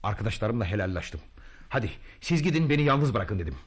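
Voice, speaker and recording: A man's voice: fairly low pitch, big pitch swings, fast talker, slightly rough. A man acting a vain, boastful would-be freedom hero in a radio drama, telling his deeds grandly and muttering to himself. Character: boastful self-styled male freedom hero, pompous, vain.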